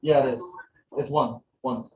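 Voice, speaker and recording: A man's voice: medium pitch, steady tone, moderate pace. Man on a distant conference call line. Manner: casual, checking details. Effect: heard over an online conference call. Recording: muffled, distant, roomy call audio.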